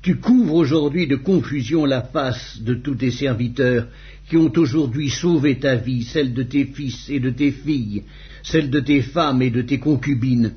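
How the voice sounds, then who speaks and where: A man's voice: mid-range voice, a little slow, slightly rough, highs cut off. A man voicing a stern, blunt army commander in a Bible reading, firm and reproachful. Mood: rebuking.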